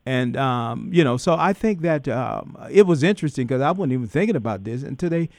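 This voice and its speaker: A man's voice: mid-range voice, animated, a little fast, no echo, clean studio sound. A man hosting a call-in radio talk show, folksy and preacherly, voice rising and dropping in emphatic bursts. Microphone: studio microphone.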